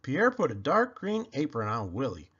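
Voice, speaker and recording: A man reads a children's picture book aloud, telling the story in an expressive, animated and deliberate way. His voice is medium-pitched and husky, and the audio sounds dull.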